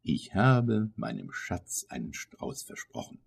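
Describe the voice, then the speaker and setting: A man reading an audiobook, voicing a gentle, dreamy madman who speaks wistfully of his lost happiness. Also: fairly low pitch, sing-song, slow pace, vocal fry, slightly rough, pitched above the performer's own voice, heavily acted. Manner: wistful, confiding.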